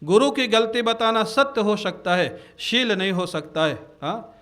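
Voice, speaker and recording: A man with a high voice preaches to a gathering. He tells moral stories, breaks into chanted Sanskrit verses, and keeps checking with his listeners with a quick "haan?". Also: a bit bright. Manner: storytelling, quoting Sanskrit verses, asks the audience "haan?". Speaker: spiritual preacher. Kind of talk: devotional discourse. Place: religious gathering in Delhi.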